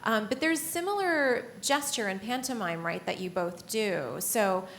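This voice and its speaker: A woman's voice: mid-range voice, expressive, measured pace, vocal fry, fairly bright tone, a little hiss or hum. A woman interviewer asking a dancer encouraging questions in a casual conversation.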